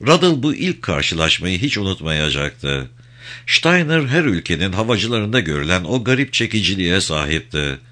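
Man, audiobook narration, low voice, lively pitch, bright tone. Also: normal speed.

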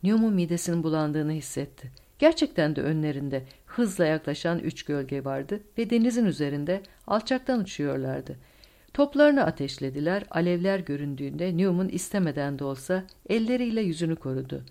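A woman narrating a war novel audiobook with dramatic, expressive storytelling. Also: low-pitched, moderate pace. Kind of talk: scripted narration.

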